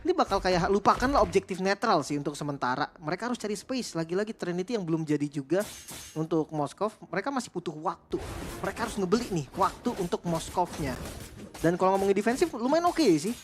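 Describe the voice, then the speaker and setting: A woman's voice: lowish voice, animated, fast talker. A woman giving conversational, analytical esports commentary, explaining the play in an informal way. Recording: clearly noisy game broadcast.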